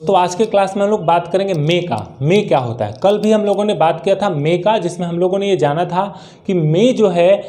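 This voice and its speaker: A man's voice: high voice, mellow. A man teaching a spoken English lesson, repeating each word in drills and answering his own questions.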